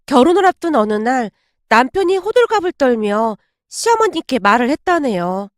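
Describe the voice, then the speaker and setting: A woman with a high voice tells a family drama in the first person, in an even storytelling way. The sound is close and dry, like a studio read. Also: moderate pace, no room sound. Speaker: story narrator.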